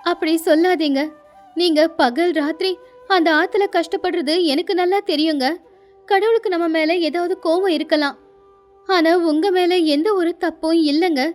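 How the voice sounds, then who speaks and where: A woman doing a devoted young wife with a high, gentle voice, soothing and tender. The tone belongs to a storybook tale. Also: normal speed, faint music behind. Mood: consoling.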